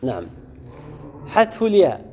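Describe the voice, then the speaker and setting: A man's voice: high voice, wildly swooping pitch, normal speed, mellow, a little hiss or hum. A man teaching a class, repeating key words and putting questions to his students. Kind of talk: classroom lesson on Quran orthography. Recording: dull lo-fi recording in a reverberant hall.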